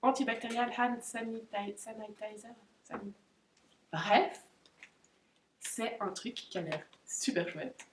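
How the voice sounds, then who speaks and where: A woman's voice: on the high side, slow, slight background noise. Chatty woman in a roomy room. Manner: chatty and excitable, giggly, talks to her dogs. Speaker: pet vlogger. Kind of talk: casual unboxing chat. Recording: roomy, distant camera audio.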